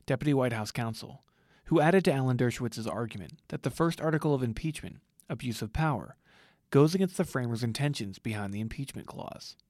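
Male podcast narrator, medium pitch, scripted news read, dry studio sound. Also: brisk, darkish tone, dry recording.

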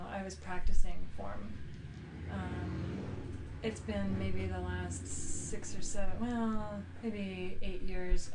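A woman writer talking candidly as an interview guest, reflective and searching, with many fillers. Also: fairly low pitch. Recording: noisy room ambience.

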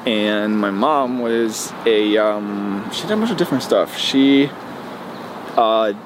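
Low-voiced man from Norway, matter-of-fact. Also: lively intonation, slow. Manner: plain, matter-of-fact, some hesitation. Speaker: music producer guest. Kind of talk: casual interview. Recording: noisy background.

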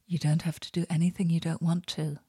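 A woman voicing a soft-spoken, affectionate young woman with a soft, warm way of talking. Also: deep voice, flat delivery, a little fast, slightly rough, no room sound, studio quality.

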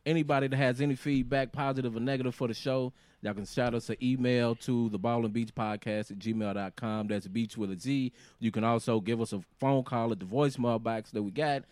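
A man hosting a podcast, talking in a relaxed, halting way with many "uh"s. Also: medium pitch, no room sound. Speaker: podcast host. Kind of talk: casual chat.

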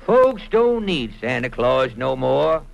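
An actor playing a weary, grumbling but kindly old Santa Claus with rustic, folksy speech in old-time radio comedy style. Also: male voice, medium pitch, sing-song, slow, gravelly, exaggerated voice, poor audio. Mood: weary, resigned. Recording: vintage radio recording with background hiss.

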